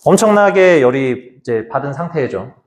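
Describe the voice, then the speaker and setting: Priest in an echoey hall. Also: male voice, a little high, animated, normal speed. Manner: conversational, vividly retelling with quoted voices. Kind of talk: Lenten lecture, storytelling.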